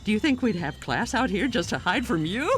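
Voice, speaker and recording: A woman's voice: mid-range voice, animated, a little fast, close to an everyday voice. A woman voicing a middle-aged female pufferfish teacher in a cartoon game, nervous, hesitant and polite. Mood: nervous, evasive.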